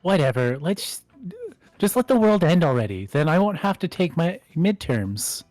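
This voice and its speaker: A man's voice: on the high side, very animated, moderate pace, a little mellow, no echo, faint music behind, low-quality recording. A man voicing a vain, lazy ghost party girl with a valley-girl drawl, acting out a dating game on stream. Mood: lazy, bored.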